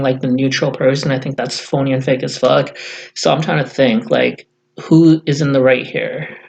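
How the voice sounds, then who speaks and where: A man delivers a casual vlog rant in a mid-pitched voice roughened by gravelly fry. He talks bluntly and profanely, rambling through many fillers. He has just woken up. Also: lo-fi sound. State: just woke up. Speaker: YouTuber.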